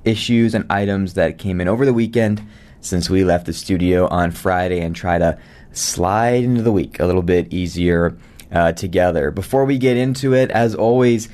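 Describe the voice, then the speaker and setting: On a studio microphone, a live radio talk show host chats in a warm, conversational style, with a filler word here and there. The man's voice is deep and a little mellow, at a normal speed.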